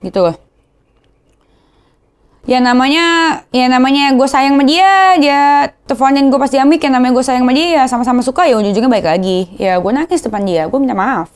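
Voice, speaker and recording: A young woman speaks with a Jakarta slang accent in a casual confessional vlog. Her voice sits a little high, and she talks in an emotional, rambling way, circling back and repeating her words. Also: brisk, clean tone. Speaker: vlogger.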